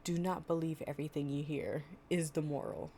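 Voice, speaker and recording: In a gentle reading mood, a young woman improvises as an affectionate, chatty girlfriend telling fables to her partner in an intimate storytime, playful and slangy in her casual speech. Her low, dark voice moves fairly quickly with fairly even intonation, and a little hiss or hum sits underneath.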